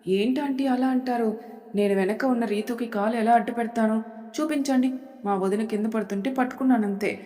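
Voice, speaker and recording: A woman's voice: a little high, brisk, warm tone, lightly acted. Sly young man, cheeky and indignant , as a female narrator puts him on; long reverb.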